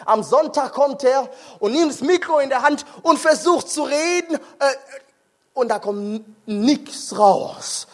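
High-voiced impassioned male preacher. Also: expressive, unhurried. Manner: impassioned, questioning the crowd. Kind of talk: sermon. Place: conference hall.

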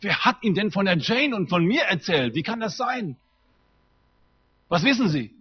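A man voicing a panicked, guilty middle-aged businessman who speaks anxiously and low, on a muffled lo-fi recording. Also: very animated, normal speed, breathy edge, no room sound, heavily acted. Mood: agitated. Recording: muffled lo-fi sound.

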